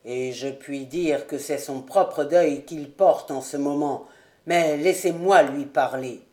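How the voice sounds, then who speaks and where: A woman voicing a grieving, vengeful colonel in an audiobook, stern and loud. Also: sits low, slow, voice pushed down. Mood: furious.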